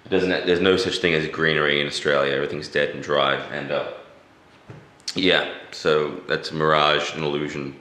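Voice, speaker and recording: A man's voice: a bass voice, little pitch movement, normal speed, bright, forceful tone. A young man chatting casually and dryly to a handheld camera at home, with a sore, swollen jaw. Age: young adult. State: sore, swollen jaw after wisdom teeth removal. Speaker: vlogger. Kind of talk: casual rambling vlog chat. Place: at home, mostly living room and kitchen. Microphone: camera at arm's length. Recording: roomy handheld camera sound, faint noise.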